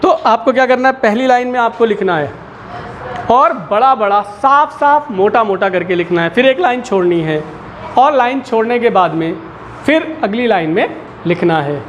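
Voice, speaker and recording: A man's voice: extremely high pitch, lively intonation, normal speed, slight background noise. A man teaching a Hindi lesson to a school class, patiently asking questions and repeating the key words. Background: children in the classroom.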